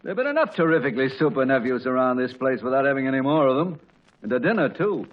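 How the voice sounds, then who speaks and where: A man's voice: medium pitch, sing-song, fast talker, close to an everyday voice. A man playing a teasing, grumbling middle-aged father in a 1940s radio comedy, with dry, mock-formal sarcasm. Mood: wry grumbling. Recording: muffled vintage 1940s radio recording.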